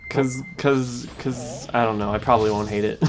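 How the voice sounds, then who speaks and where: A man's voice: mid-range voice, fairly even intonation, moderate pace, a little hiss or hum, low-quality recording. A man sitting in on a let's play, chatting and reacting casually to the game. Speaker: co-player. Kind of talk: casual chat while watching gameplay.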